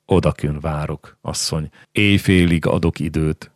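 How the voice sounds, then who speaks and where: A man voicing a sinister, mock-courteous blind prince in an audiobook, low and sly. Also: fairly even intonation, dry recording, studio quality. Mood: coaxing. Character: sinister blind male prince, smooth and menacing. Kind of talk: audiobook character reading.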